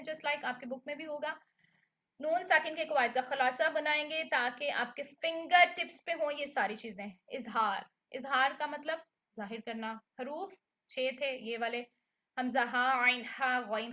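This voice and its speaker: A woman's voice: high-pitched, unhurried, bright, forceful tone. A woman teaching a recitation lesson, explaining patiently and often checking in with her students. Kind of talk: online lesson.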